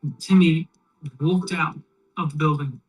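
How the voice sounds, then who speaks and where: A speaker alone in a room, telling a long shaggy-dog joke in a rambling, deadpan way with plenty of fillers. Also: mid-range voice, measured pace, husky, far from the mic, rough recording. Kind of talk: shaggy-dog joke told while painting miniatures.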